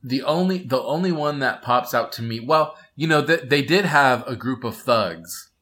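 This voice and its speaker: A man co-hosting a podcast, chatting casually about a cartoon episode in a halting way, full of fillers and restarts. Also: mid-range voice, animated, a bit bright. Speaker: podcast co-host.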